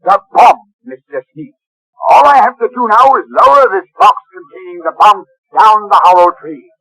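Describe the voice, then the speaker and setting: An actor playing a villainous pirate captain in a radio drama, pompous and mock-courteous, gloating theatrically. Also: male voice, sits high, lively intonation, moderate pace, sharp tone, dry recording, full character voice, low-quality recording. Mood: silky menace. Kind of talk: 1930s-style radio drama acting.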